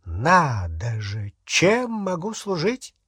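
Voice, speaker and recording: Man voicing a slow, formal old goblin. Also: medium pitch, dry recording, studio quality, close to an everyday voice. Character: old male goblin bank clerk, formal.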